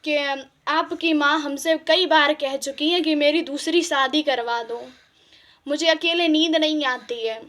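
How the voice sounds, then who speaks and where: A cruel young daughter-in-law as a woman storyteller puts her on talks slyly, feigning modesty. The voice is high and bright. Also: steady tone, measured pace. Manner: sly, falsely modest.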